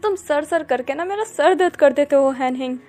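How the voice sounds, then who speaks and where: A woman's voice: sits high, normal speed, natural voice. A woman voicing a short-tempered young man who owns a company, scolding and teasing his assistant. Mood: irritated. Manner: scolding, then teasing and excited.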